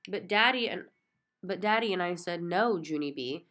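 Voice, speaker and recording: A woman's voice: lowish voice, animated, normal speed, fairly bright tone. A woman doing a stern, tired mother. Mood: firm. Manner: firm, patient but tired.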